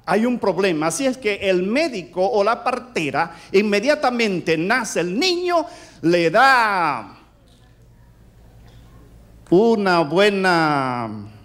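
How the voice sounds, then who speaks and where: A man's voice: sits high, very animated, slow, a bit bright. A male pastor preaching a sermon, telling personal stories and asking the audience rhetorical questions with emphatic delivery.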